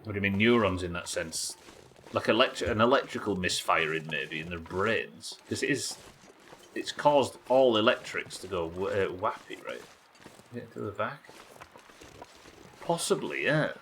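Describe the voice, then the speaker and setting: A man giving casual live commentary as he streams a video game, thinking out loud. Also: deep voice, animated, normal speed. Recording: faint background noise.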